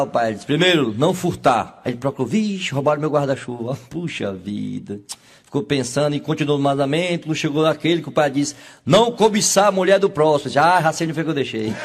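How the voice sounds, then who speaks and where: Man rattling off jokes, lively voice. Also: fast, a little hiss or hum. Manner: animated, jumps into high shouted voices for quoted characters. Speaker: comedian. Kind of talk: telling a string of jokes.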